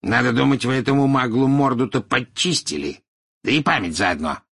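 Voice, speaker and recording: Old furious wizard, boastful and ranting, raspy and sharp, big pitch swings. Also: male voice, sing-song, measured pace, exaggerated voice. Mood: scornful. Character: furious filthy old male pure-blood wizard, boastful. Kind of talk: audiobook character reading.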